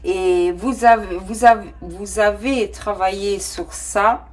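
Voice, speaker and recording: A middle-aged woman reads tarot casually, taking her time in a steady, medium-pitched voice. Speaking with a non-native French accent, she hesitates, fills gaps with fillers and exclaims in delight at the cards.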